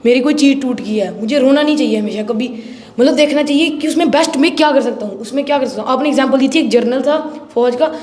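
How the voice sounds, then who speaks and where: A woman's voice: high-pitched, quick pace, darkish tone. A teenage girl student eagerly recounting lessons to her teacher in a classroom. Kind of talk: classroom recitation. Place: school classroom. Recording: reverberant classroom.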